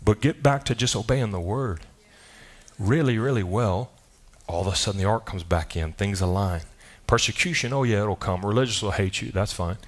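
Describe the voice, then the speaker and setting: Man, slightly low voice, animated conversational preacher delivering a sermon, lots of asides and quick restarts. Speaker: pastor. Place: church sanctuary.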